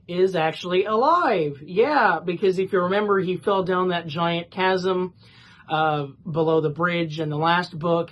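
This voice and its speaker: A woman's voice: fairly low pitch, lo-fi sound, a little hiss or hum. A woman giving a casual, rambling plot summary for a book review, with lots of fillers and restarts.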